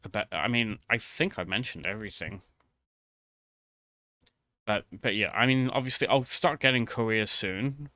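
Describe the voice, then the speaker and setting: A man with a low, clear voice recorded very dry and close. He rambles casually to his viewers as a video creator, bright in tone but hesitant, halting and restarting his thoughts as he goes. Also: dry recording.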